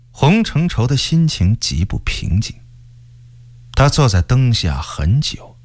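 A man reading a historical novel aloud for radio in a slow, measured storytelling voice. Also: low-pitched, a little mellow, no echo. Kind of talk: scripted narration of a historical novel. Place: radio studio.

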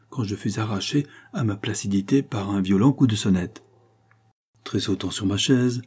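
A man reading a nineteenth-century first-person story aloud in a measured, even way. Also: lowish voice, breathy edge. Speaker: audiobook narrator. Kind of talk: first-person literary narration.

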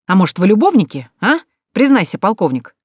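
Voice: medium pitch, big pitch swings, a little fast, dry recording, clean studio sound, voice pushed up. A reader voicing a coarse, sneering nobleman who barks insults in an audiobook. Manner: spiteful, barking insults. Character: brutal sneering nobleman, a grown man. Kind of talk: audiobook character voice.

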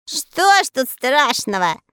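Woman reading as tiny bragging cowardly male elf, shrill and high, loud, storybook. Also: big pitch swings, slow pace, smooth, no echo, clean studio sound, full character voice. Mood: boastful. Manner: shrill, wailing, boastful.

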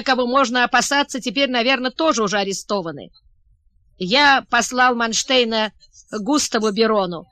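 A woman reading the part of a calm, self-assured male field marshal who speaks matter-of-factly. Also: fairly high pitch, dry recording.

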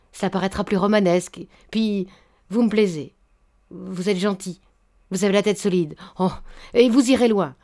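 A woman reading a story aloud, voicing an old spinster matchmaker who speaks in a flattering, unctuous way. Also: medium pitch, close to an everyday voice. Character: old honey-tongued spinster matchmaker, scheming. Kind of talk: audiobook reading.

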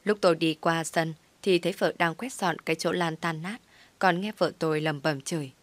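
Low-voiced woman storyteller, dry sound. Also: fairly even intonation, moderate pace, no echo. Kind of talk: scripted first-person narration of a comic story.

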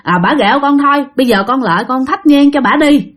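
A woman voicing an older father who calmly reassures a frightened young man, speaking gently. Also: sits high, quick pace. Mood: reassuring. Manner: gentle, soothing.

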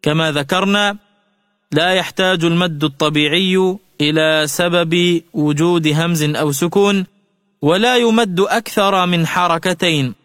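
A man giving a radio lesson on Quran recitation rules, with measured explanations and slow chanted example words. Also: sits high, fairly even intonation, fairly bright tone, no echo, studio quality, in a large hall.

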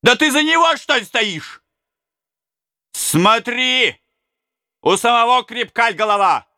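A man's voice: very high voice, expressive, slow pace, gravelly, bright, forceful tone, clean tone, no echo, clean studio sound, pitched above the performer's own voice, full character voice. A man voicing a coarse, mocking robber in an audiobook reading. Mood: jeering. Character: jeering red-haired robber singer, coarse.

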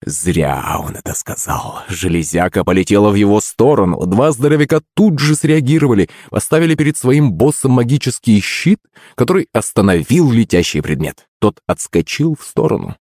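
Lively low-voiced male audiobook narrator. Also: moderate pace, no echo, clean studio sound. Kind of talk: first-person fantasy audiobook narration.

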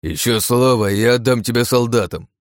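A cruel red-haired villain who taunts and gloats, as a male narrator puts him on. The voice sits well above the reader's own low tone and comes out loud and forceful in a dry, close recording. He is a storybook baddie with a mocking edge. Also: brisk, no echo, lightly acted. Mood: menacing. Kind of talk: audiobook character voice.

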